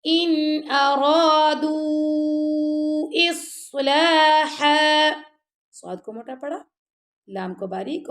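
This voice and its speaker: A woman teaching tajweed, patiently explaining pronunciation step by step and then chanting the words slowly. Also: medium pitch, creaky, warm tone. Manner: patient, explains step by step, often checks with "ٹھیک ہے؟"; slow drawn-out chanted recitation between plain explanation. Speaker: Quran recitation teacher. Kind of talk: tajweed lesson, explaining and reciting.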